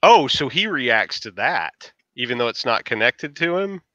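Male player, halting questions, sharp bright tone, lo-fi sound. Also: medium pitch, sing-song, no room sound. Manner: inquisitive, stop-and-start questions. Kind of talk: casual tabletop play.

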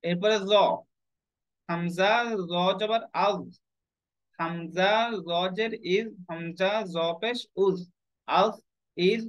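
A man teaching an online Quran reading lesson, drilling letter sounds in slow repeated patterns and asking questions that he then answers himself. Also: sits high, fairly even intonation, low-quality recording.

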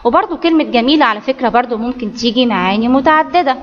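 A woman's voice: on the high side, animated, racing, in a large hall, muffled recording. A woman with an Egyptian accent teaching children Arabic grammar, explaining step by step and often checking that the class follows. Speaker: primary school Arabic teacher. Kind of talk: online grammar lesson for children.

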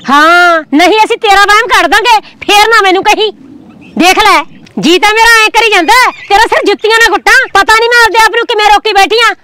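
A hot-tempered village wife, acted by a woman in a homespun family drama, with a Malwai Punjabi accent. Her very high voice rattles along fast, heard dry and close with little room sound. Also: sharp tone, no room sound. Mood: threatening. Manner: quick, threatening, hot-tempered. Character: fiery village wife, young adult.

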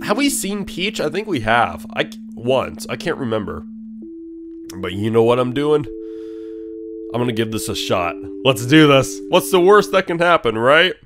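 A young gaming channel host plays through a horror game, animatedly and nervously muttering to its characters. He has a mid-range voice and a moderate pace, with noise in the background.

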